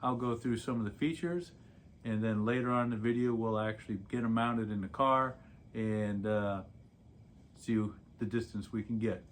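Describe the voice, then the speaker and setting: A video host gives a casual hands-on product review, plainly explaining the features step by step as he handles the gear. His voice is fairly low at a moderate pace, and the home-made recording is clearly noisy.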